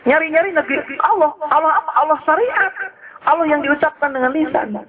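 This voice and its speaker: High-voiced joking male preacher, tinny. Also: a little fast. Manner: joking storyteller, asks rhetorical questions. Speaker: Islamic preacher. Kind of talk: casual religious teaching talk. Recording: tinny lo-fi phone-like recording.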